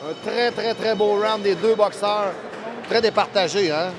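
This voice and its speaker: A man's voice: high-pitched, measured pace. A man with a Quebec accent giving analytical, technical live boxing commentary. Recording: very noisy venue background.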